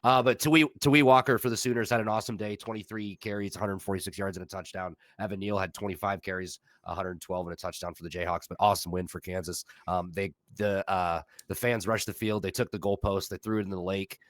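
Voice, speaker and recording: Young man, nasal from illness, very low voice, dry close sound, loose and jokey. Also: flat delivery, fairly quick, hardly any pauses, dry recording. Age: 20s. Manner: rambling, loose and joking, swears. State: sick with a cold. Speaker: co-host. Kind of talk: casual sports talk.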